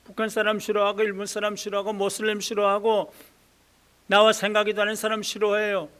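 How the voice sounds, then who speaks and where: A man's voice: high voice, monotone, fairly quick, fairly bright tone, clean tone. A man preaching a sermon as pastor, earnestly repeating key phrases and affirming himself with a firm "yes.". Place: church.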